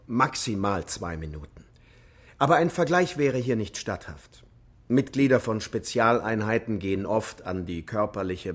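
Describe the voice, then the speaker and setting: In a radio drama, a military psychologist testifies from the witness stand. His mid-pitched voice remains sober and factual, and he explains everything with clinical precision.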